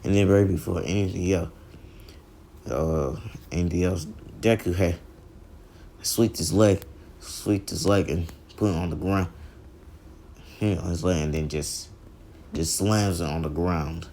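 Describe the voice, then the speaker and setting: Guy rambling thru a fan story, deep gravelly voice, slow, keeps repeating himself. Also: fairly even intonation, dark tone, slight background noise. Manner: rambling, halting, many restarts and repeats. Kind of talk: casual fan story telling.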